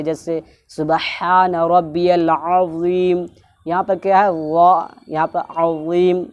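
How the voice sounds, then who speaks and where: Woman, religious teacher, fairly low voice, explanatory, stretches words to demonstrate pronunciation. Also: a little mellow, muffled recording. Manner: explanatory, repeats points, drags out words to show pronunciation. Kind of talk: religious instruction talk.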